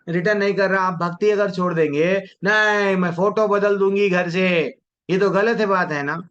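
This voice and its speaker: A man leads a devotional class in a fairly high voice, talking casually and slipping into the voices of the people in his stories. He chants scripture slowly and deliberately. The recording sounds dull and lo-fi. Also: a bit bright. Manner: conversational, acts out quoted people, chants verses slowly. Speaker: devotional teacher. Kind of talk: Hindi devotional class talk.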